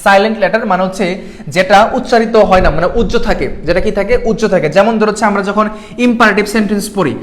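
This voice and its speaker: A young man from Bangladesh tutoring students in a live online class, asking them questions and checking in with them often. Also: sits high. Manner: quick, keeps checking in with the class. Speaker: admission exam tutor.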